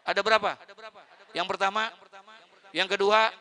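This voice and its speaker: A man preaching a storytelling sermon at a mosque gathering, moving from hushed telling to loud emotional outbursts, then leading an Arabic prayer. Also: high-pitched, steady tone, normal speed.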